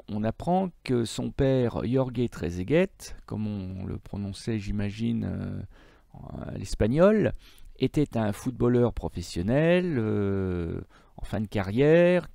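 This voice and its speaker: A man with a lowish, dark voice and some vocal fry records a lesson for students as a middle school teacher. He explains didactically and stresses the key points. The audio is studio quality with no echo.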